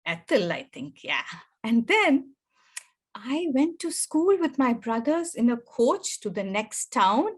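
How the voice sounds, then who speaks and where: Performing a personal story for listeners, this older storyteller from India, a native Tamil speaker, speaks slowly in a high, husky voice. She is highly expressive, with big shifts in both pitch and volume.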